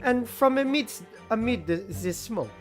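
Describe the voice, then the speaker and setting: A man voicing an excitable wealthy male witness, speaking high and theatrical with a put-on Italian accent. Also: unhurried, music in the background. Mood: excited. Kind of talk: game dialogue read-along.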